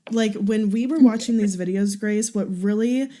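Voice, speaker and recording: A woman's voice: medium pitch, normal speed, warm tone. A woman co-hosting a fan podcast, recapping clips and steering the conversation in a chatty way. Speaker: podcast co-host. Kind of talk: casual podcast chat.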